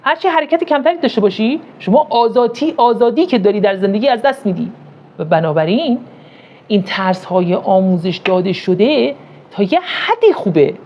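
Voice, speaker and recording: A woman's voice: medium pitch, expressive, darkish tone. A middle-aged woman from Iran giving a motivational talk on parenting, asking rhetorical questions and telling stories with emphasis.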